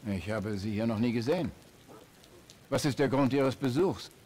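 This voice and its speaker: An actor playing a middle-aged German army colonel who speaks in a formal, clipped way. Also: male voice, medium pitch, moderate pace, darkish tone, slight background noise, close to an everyday voice. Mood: stern. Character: middle-aged stern male German officer.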